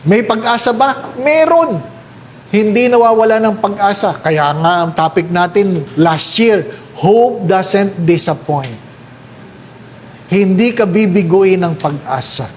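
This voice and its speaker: Filipino man, priest, slow lively talk, high voice, faint background hiss. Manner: animated storytelling with high-pitched voices for characters.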